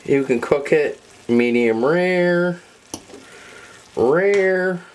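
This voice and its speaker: Woman host, home cooking demo, losing her voice, slow homey chatter, faint kitchen sizzle behind. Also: low voice, lively intonation, darkish tone, slight background noise, low-quality recording. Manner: chatty, homey, addresses viewers directly. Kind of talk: casual cooking demonstration. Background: sizzling pan and kitchen sounds.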